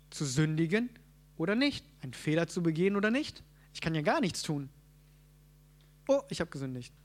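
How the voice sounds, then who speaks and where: A man with a high voice preaching a sermon, teaching as he goes and putting questions to the people in front of him. He talks casually, with quick asides and rhetorical checks like "right?".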